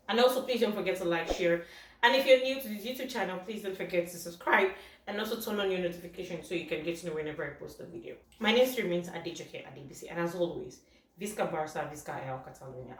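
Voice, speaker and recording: A woman's voice: lowish voice, a little hiss or hum. Football vlogger, woman, upset, repeats herself; echoey room, off-mic. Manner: upset, exasperated, repetitive. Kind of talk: casual vlog commentary. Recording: echoey room heard from a distance.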